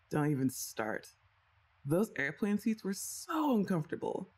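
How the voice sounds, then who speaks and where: Talking directly to the listener in a scripted ASMR roleplay, this young woman is teasing and playfully bossy, letting out soft sighs and laughs between lines. Her lowish voice is sing-song and breathy-edged, rising and falling as she speaks slowly.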